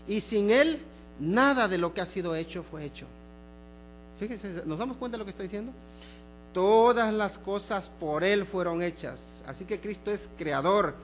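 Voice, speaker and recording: A man preaching a sermon in a church, emphatic, slowing on key phrases and dropping to soft asides. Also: high voice, slight background noise. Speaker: pastor. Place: church sanctuary.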